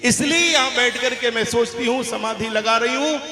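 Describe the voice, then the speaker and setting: A man's voice: very high-pitched, moderate pace, pushed and bright. A male preacher, telling a devotional story in an emotive, melodic style full of exclamations. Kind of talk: devotional katha sermon. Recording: echoey hall with music.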